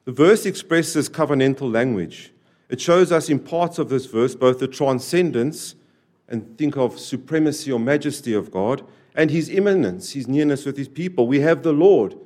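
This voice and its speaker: A man preaching a sermon to a church, repeating key phrases and swinging between loud, stressed lines and quiet, dropped endings. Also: medium pitch, expressive, normal speed. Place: church service.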